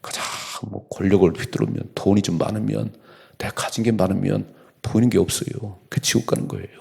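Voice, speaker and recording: A man's voice: lowish voice, fairly even intonation, a little fast, creaky, warm tone, husky. A man preaching as pastor at an early-morning church service, exhorting his listeners with emphatic urging. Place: church sanctuary.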